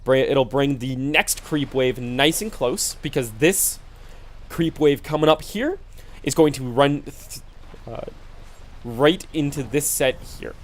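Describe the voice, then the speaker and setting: A man's voice: mid-range voice, measured pace. A man commentating a video game match alone, laid-back and explanatory with many fillers, sleepy and yawning. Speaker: esports commentator. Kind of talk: solo play-by-play game commentary.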